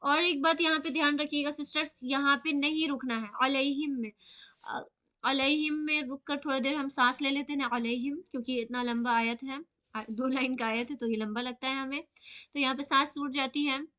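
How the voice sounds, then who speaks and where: A woman teaching Quran recitation rules in a live online class, patiently repeating and slowly drawing out example words. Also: sits high, fairly even intonation, sharp tone, muffled recording.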